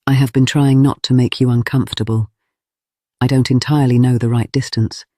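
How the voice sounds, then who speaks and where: Earnest, mellow Regency gentleman, read by a narrator. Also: mid-range voice, flat delivery, a little fast, dry recording, clean studio sound, natural voice. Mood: earnest, restrained. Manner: careful, formal, restrained. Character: earnest, honest Regency gentleman confessing his feelings.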